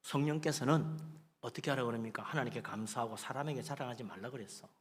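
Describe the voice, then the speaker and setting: A man preaching a sermon as pastor, animated, prompting the congregation and acting out boastful people in quick asides. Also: mid-range voice. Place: church sanctuary. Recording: long hall reverb.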